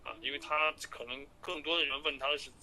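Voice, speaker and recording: Fast-talking man on a recorded phone call. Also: on the high side, fairly even intonation, pushed and bright. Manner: hesitant, many filler sounds, reassuring. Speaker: immigration agent. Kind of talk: sales pitch on a phone call.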